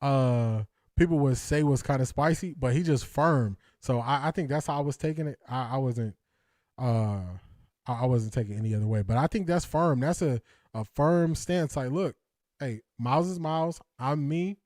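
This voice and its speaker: Speaking at a moderate pace with a medium-pitched, darkish voice, a man hosts a laid-back sports talk stream and replies to viewer comments. Studio-quality, dry recording. He is hesitant, restarting frequently, leaning on fillers and laughing.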